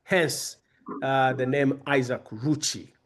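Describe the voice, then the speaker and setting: A man, his pitch sitting in an ordinary middle range. He gives a relaxed, conversational talk to young people. He tells his own story with a self-deprecating touch. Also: slow. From Uganda. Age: 50s. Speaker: guest speaker.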